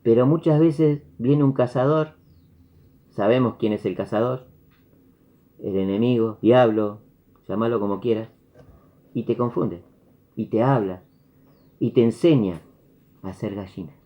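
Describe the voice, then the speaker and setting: A man's voice: medium pitch, measured pace, pauses often. A man with a Rioplatense Spanish accent, preaching and telling a parable while acting out the characters' lines. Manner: animated storyteller, acts out characters' lines. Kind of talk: sermon parable storytelling. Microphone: video call. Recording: dull lo-fi video call audio.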